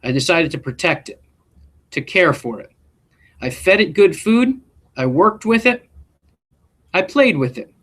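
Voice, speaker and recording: Here a man with a high-pitched voice acts like a principal reading a picture book to a class of schoolchildren. The delivery is deliberate and expressive, with short asides along the way.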